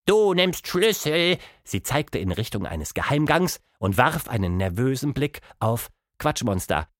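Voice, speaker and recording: A man narrating a children's audiobook with expressive storytelling. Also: fairly low pitch, measured pace, dry recording, clean studio sound.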